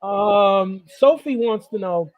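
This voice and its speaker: A man co-hosting a live wrestling watch-along, chatting in a halting way and often repeating his phrases. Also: sits high. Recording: dull lo-fi online stream audio.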